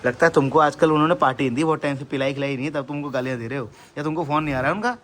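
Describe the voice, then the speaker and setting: A man's voice: on the high side, rapid-fire, a little hiss or hum. Teasing young man filming a family vlog. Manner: teasing, lively, calls out loudly. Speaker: vlogger, host. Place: outdoors at home in the sun.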